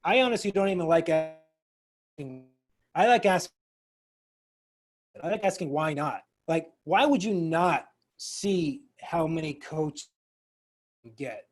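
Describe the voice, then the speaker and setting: Man, choppy video-call audio cutting out, casual rambling talk, fairly high voice. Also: expressive, slow pace, pauses often. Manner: rambling, restarts his sentences.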